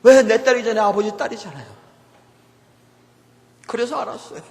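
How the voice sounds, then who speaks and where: A man's voice: very high-pitched, steady tone, normal speed, vocal fry, a little mellow. A middle-aged male pastor preaching a sermon in a church, telling a personal story with impassioned feeling. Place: church sanctuary. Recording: long church reverb.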